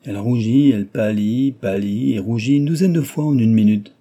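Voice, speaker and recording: A man reading an audiobook voices a giddy, mocking young noblewoman who gossips in a lively, teasing way. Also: mid-range voice, normal speed, close to an everyday voice. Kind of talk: audiobook reading of a classic novel.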